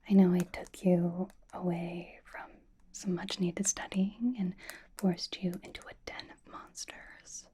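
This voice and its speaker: A woman's voice: fairly low pitch, flat delivery, takes it slowly, mellow. A woman whispering a roleplay monologue to the listener in a library, teasing and blunt.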